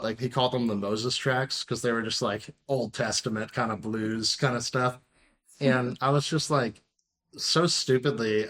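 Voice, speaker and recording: A man's voice: fairly low pitch, a bit bright. A man in his thirties, a podcast guest and musician, talking casually and rambling with many fillers. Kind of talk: casual interview chat.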